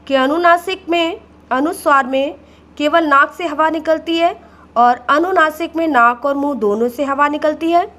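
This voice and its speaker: A woman's voice: high-pitched, fairly bright tone. A woman teacher giving a patient grammar lesson, repeating each word and addressing the children directly. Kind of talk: slow classroom explanation.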